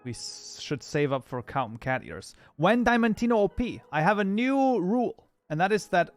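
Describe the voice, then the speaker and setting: A man streaming his game modding live, chatting casually and reacting to chat in an excitable, rambling way. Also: high-pitched, normal speed.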